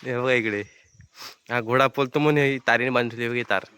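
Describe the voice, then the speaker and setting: A man's voice: mid-range voice, steady tone, a little fast, bright, forceful tone, a little hiss or hum. A man talking playfully to viewers in a casual vlog, pointing things out one after another. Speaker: vlogger showing birthday preparations.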